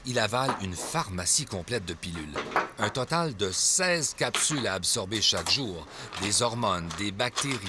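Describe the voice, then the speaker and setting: A man narrating a television news report in a measured, even voice. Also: fairly low pitch, noisy background. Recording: voice-over with music behind. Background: music.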